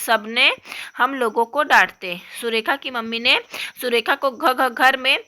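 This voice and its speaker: A woman's voice: fairly high pitch, measured pace, pushed and bright. A woman voicing a sulky young girl who stammers through her tears. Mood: tearful. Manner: tearful, stammering.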